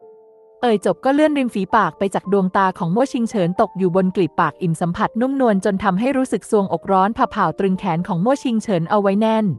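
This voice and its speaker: Quick-paced female audiobook narrator, even storytelling, faint music bed. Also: medium pitch. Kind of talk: scripted narration.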